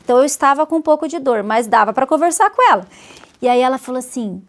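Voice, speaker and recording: A woman in her forties, a pastor, recounts her story as an interview guest. She has a fairly high voice and tells it vividly, slipping into a hushed tone whenever she repeats someone else's words. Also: expressive, fast talker. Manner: vivid storyteller, acts out others' words softly. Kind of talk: personal testimony in a talk show interview.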